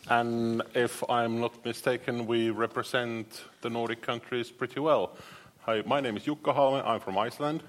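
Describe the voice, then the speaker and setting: A man's voice: medium pitch, expressive, slow pace, pauses often, slight background noise. A man moderating a panel discussion in a wry, self-mocking, joking way. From Finland.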